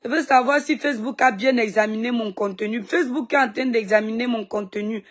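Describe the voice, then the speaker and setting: A woman's voice: on the high side, brisk. A woman from Cameroon chatting on a phone live stream, greeting viewers by name and talking back at critics, with a sore throat.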